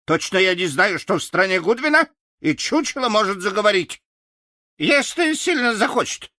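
A man voicing a cheeky, mocking female crow with a croaky voice. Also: high voice, sing-song, normal speed, bright, forceful tone, no room sound, clean studio sound, pitched above the performer's own voice, exaggerated voice. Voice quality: hoarse croaky.

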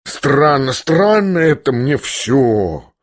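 A man's voice: medium pitch, sing-song, slow. A man voicing a flustered middle-aged general and father who fumbles and repeats himself. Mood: bewildered.

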